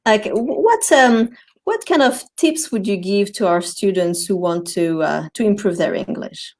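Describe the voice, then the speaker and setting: A woman's voice: mid-range voice, expressive, unhurried, a little mellow. A woman hosting a casual interview over a video call. She is friendly, laughs often, and fills her questions with many fillers and restarts. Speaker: interview host.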